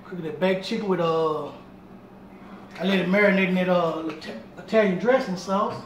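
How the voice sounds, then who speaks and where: A man's voice: high voice, moderate pace. Middle-aged man, home cook hosting his own show, rambling and repetitive, fairly distant from the mic, noisy background. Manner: chatty, repeats himself while working; talks while moving around the kitchen. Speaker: home cooking show host. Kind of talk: casual cooking demonstration. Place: small home kitchen. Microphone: camera on tripod across the kitchen. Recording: roomy sound from a camera across the kitchen, noisy. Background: clatter of pots and dishes.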